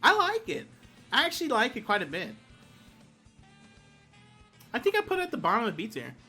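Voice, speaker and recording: A young adult streamer chatting casually, laughing often and swearing freely while telling animated stories. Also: medium pitch, a little fast, faint music behind. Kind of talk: casual chat on a live stream.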